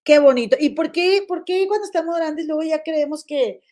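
A woman's voice: sits high, moderate pace. A woman hosting a casual live podcast, chatting affectionately with her viewers, full of diminutives and "comadre". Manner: frequent fillers and restarts, animated swings in loudness. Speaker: live-stream podcast host. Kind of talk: casual live chat reading viewer comments.

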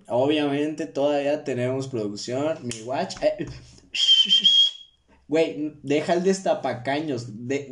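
A man's voice: medium pitch, dark tone, a little hiss or hum. A young man with a Mexican accent, hosting a solo podcast in a joking, slangy, self-mocking way. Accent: Mexican Spanish. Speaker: podcast host. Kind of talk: casual solo podcast monologue.

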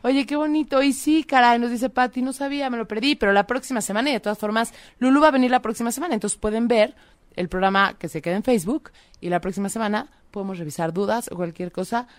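A woman hosting a web radio talk show, chiming in with warm interjections and sign-offs. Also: fairly high pitch, fast, no room sound. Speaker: host. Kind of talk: casual chat.

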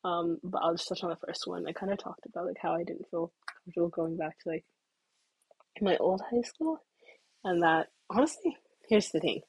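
A woman's voice: fairly low pitch, normal speed, slightly rough, no room sound, rough recording. A young woman telling a casual story to camera, chatty and full of "like", sometimes dropping into whispers. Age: young adult. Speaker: vlogger.

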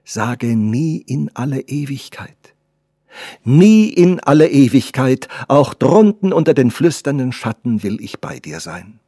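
A man's voice: medium pitch, lively intonation, a little slow, hardly any pauses, warm tone, husky, no echo, studio quality, voice pushed up. A man reading the part of a passionate young sculptor in love, speaking fervently and tenderly. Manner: fervent, declaiming. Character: passionate young male sculptor, devoted lover.

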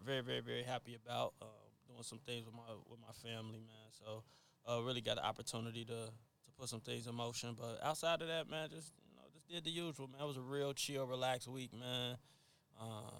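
A man hosting a podcast and leading the chat, relaxed, trailing off quietly and often saying "man". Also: mid-range voice, a little fast, gravelly, smooth. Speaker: podcast host. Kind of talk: casual chat.

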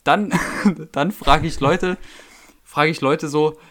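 A man's voice: on the high side, takes it slowly, fairly bright tone. A man with a slightly raised voice vents in a casual podcast rant. He is worn out and irritable after work, swearing freely and acting out rude customers in little quoted voices. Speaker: podcast co-host.

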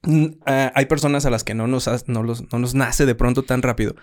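A man's voice: medium pitch, fairly even intonation, fairly quick. A young man from Zacatecas with a light Zacatecas Mexican accent, co-hosting a casual podcast and agreeing easily. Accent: Zacatecas Mexican Spanish. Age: young adult. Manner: easygoing, agreeable, laughs along. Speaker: podcast co-host. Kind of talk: casual chat.

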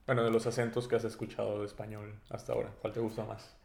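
Animated man telling a story. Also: fairly low pitch, quick pace, creaky, reverberant, a little hiss or hum. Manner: animated storyteller, laughing often. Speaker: podcast host. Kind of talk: casual chat.

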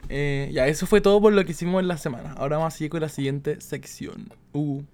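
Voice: medium pitch, fairly even intonation, fast talker, darkish tone, faint music behind. A young Chilean podcast host who laughs often and keeps the show moving in casual chat. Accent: Chilean Spanish. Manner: laughing, moves the show along.

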